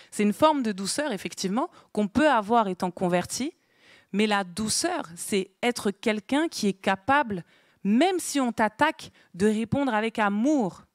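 In a meeting room, a woman teaching the Bible engages a small group with questions while writing on a board. Her pitch is medium, and the recording is dry and studio quality.

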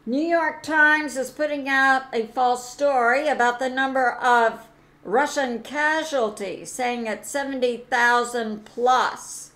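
A woman hosting her own channel, talking through news commentary on her own, pausing often with fillers and correcting herself as she goes. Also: high-pitched, fairly even intonation, fairly bright tone. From United States. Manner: slow, halting, with many "uh" fillers and self-corrections. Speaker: channel host.

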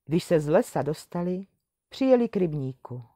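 A woman reading a classic fairy tale aloud in a calm, measured storytelling manner. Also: on the low side, dry recording, studio quality.

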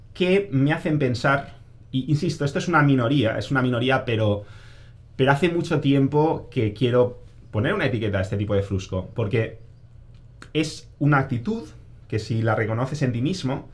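A man, giving a casual self-help monologue to camera, stressing points by repeating phrases and answering his own questions. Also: mid-range voice.

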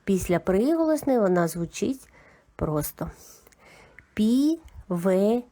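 A woman giving a calm, methodical lesson for young children, naming each sound of a word one by one. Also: medium pitch, slow. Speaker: teacher. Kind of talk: slow, patient children's literacy lesson.

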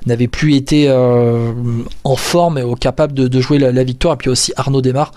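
A man hosts a casual podcast in a voice of ordinary pitch. He talks loosely and hesitantly, filling gaps with fillers and restarting his sentences. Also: fairly even intonation, fairly quick, a little mellow. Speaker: podcast host.

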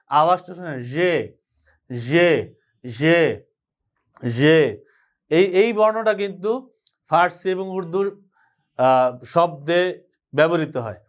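A man gives a step-by-step alphabet lesson. His voice sits high and comes through smooth and clear. He repeats each letter sound slowly and patiently. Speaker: Urdu language teacher.

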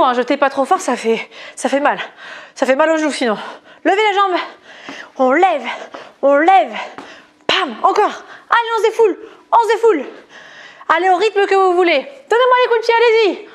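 High-voiced peppy woman coaching a workout. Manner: upbeat coaching, chatty asides and counting. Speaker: fitness coach. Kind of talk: guided cardio workout class.

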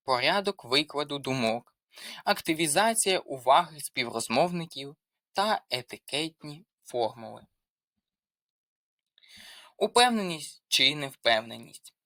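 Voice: medium pitch, fairly bright tone, dry recording, studio quality. A language tutor giving an explanatory lesson, methodically reading out lists of examples.

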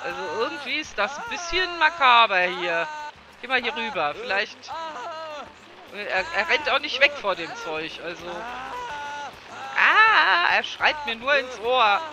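A woman's voice: fairly high pitch, very animated, a little slow, noisy background. A woman giving casual gameplay commentary as a let's player, chatting to her viewers and laughing often.

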